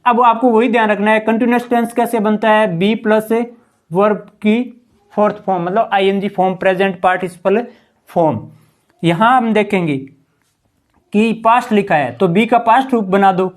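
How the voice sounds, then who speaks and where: A male teacher walks through an English grammar lesson at an even, patient pace. He keeps quizzing his listeners with rhetorical questions, and his sentences tend to sink lower and quieter at the ends. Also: moderate pace. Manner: patient, keeps asking the class rhetorical questions and saying "ठीक है". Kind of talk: explanatory classroom lesson.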